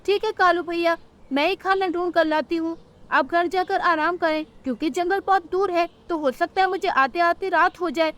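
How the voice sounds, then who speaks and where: A woman's voice: very high-pitched, moderate pace, fairly bright tone. A woman voicing a small, honest female sparrow in a cartoon story, who speaks in a polite, pleading way.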